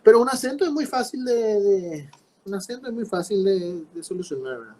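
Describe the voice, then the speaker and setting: A man's voice: sits high, animated, fairly quick, dark tone, rough recording. A man teaching a class, explaining with repeated rhetorical questions. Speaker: law teacher. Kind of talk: class lecture.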